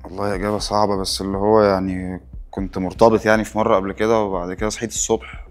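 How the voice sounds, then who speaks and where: Rapid-fire Egyptian man in his thirties. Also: lowish voice, flat delivery, faint music behind. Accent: Egyptian Arabic. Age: 30s. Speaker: game show contestant. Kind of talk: playful group banter.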